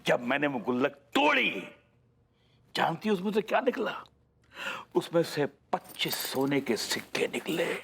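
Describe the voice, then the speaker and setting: A man's voice: on the high side, big pitch swings, unhurried, gravelly, fairly bright tone, slight background noise, exaggerated voice. An actor playing a boisterous, doting older father who tears up over his daughter and mocks his son-in-law, theatrical in delivery. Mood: fond. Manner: theatrical, swings from tearful to mocking. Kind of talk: sitcom acting.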